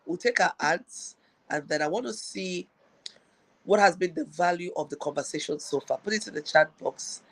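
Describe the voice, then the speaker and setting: A woman's voice: on the low side, normal speed, no room sound, rough recording. A woman coach hosting a live-streamed talk show, addressing viewers directly and repeating her key phrases. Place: live online broadcast on a slow connection.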